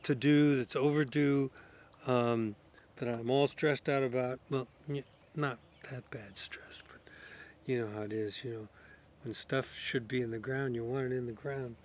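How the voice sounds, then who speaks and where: A sick, coughing man rambling casually outdoors in his garden for his vlog, his voice going hoarse. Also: medium pitch, fairly even intonation, measured pace, darkish tone, a little hiss or hum. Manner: rambling, many fillers and restarts. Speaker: garden vlogger.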